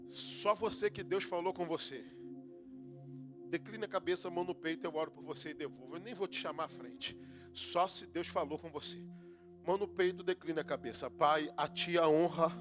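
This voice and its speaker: A Brazilian man preaching as a pastor in a church, building from low storytelling to shouted preaching, then praying. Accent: Brazilian Portuguese. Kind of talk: Pentecostal sermon and prayer. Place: church sanctuary.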